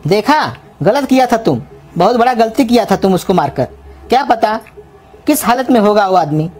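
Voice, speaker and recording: A woman voicing a scheming young man who coaxes and flatters to get free food in a comedy cartoon. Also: on the high side, normal speed, husky. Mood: flattering. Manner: coaxing, flattering, persuasive. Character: scheming young man, sweet-talking and crafty. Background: music.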